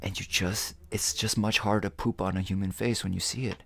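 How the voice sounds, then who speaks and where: A man co-hosting a podcast in casual chat, rambling and swearing freely as he thinks out loud. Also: low voice, fairly quick, gravelly. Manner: rambling, profane, animated. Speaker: podcast co-host.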